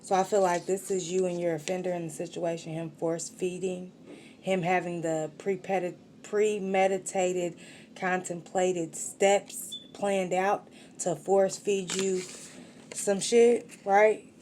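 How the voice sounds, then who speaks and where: A woman's voice: on the low side, level tone, slow, warm tone, slight background noise. Slangy, swearing woman reading tarot. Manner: slangy and profane, talks to the viewer directly. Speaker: tarot reader. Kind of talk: casual spiritual tarot reading.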